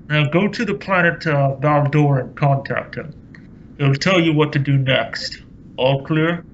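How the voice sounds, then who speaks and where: A man reading the lines of a stern male commander giving a mission briefing, in a plain, halting delivery with fillers. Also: medium pitch, fairly bright tone, highs cut off, slight background noise, lightly acted.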